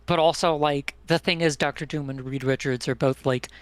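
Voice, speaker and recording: A man with a slightly raised pitch, chatting casually and explaining things eagerly with lots of filler words. His voice sounds dry and close to the mic. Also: fairly even intonation, moderate pace, clear, resonant tone, no echo. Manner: enthusiastic explaining, filler-heavy. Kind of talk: casual chat.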